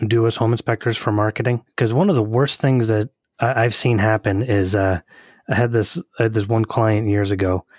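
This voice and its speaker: A man's voice: on the low side, fairly even intonation, moderate pace, darkish tone, no room sound, clean studio sound. A man co-hosting a podcast in casual chat, talking loosely with restarts and frequent laughs. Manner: chatty, rambling with restarts, laughs often. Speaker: podcast co-host.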